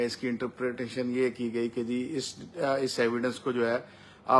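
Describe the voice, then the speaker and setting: A lawyer with a Pakistani accent gives a semi-formal explainer, speaking deliberately with drawn-out hesitations. His mid-range voice has a fairly bright tone.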